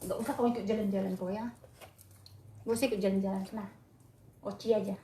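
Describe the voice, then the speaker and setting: A woman's voice: medium pitch, fairly even intonation, quick pace, noisy background. A woman at home talking in a doting, coaxing baby-talk to her pets as she gives them medicine. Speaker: pet owner. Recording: echoey room.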